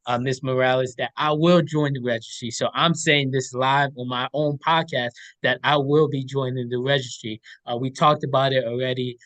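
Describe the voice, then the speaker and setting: A man's voice: medium pitch, fairly bright tone, no room sound, low-quality recording. A man hosting his own podcast, upbeat and talking straight to the audience, repeating his points. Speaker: podcast host. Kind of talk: casual talk show hosting.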